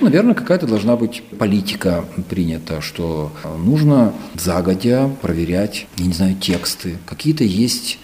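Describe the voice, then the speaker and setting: A middle-aged academic man explains at length in a measured, lecturing manner, pausing on fillers. His voice moves a lot in pitch. The tone is dark and mellow. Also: a little hiss or hum. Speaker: head of a university Russian language department. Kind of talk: interview answers.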